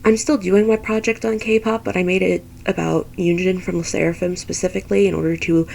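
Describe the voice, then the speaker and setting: A woman's voice: fairly low pitch, flat delivery, a little fast, vocal fry, a little mellow, slight background noise, low-quality recording. A young woman, a college student, talking to camera in a frustrated, pointed way, her voice congested from a stuffy nose. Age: young adult. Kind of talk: vlog commentary.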